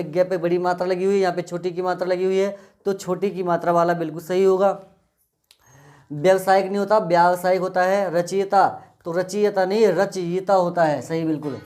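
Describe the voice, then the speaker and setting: A male teacher giving an exam-prep spelling lesson, drilling words by repeating them in a steady, methodical way. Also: high voice.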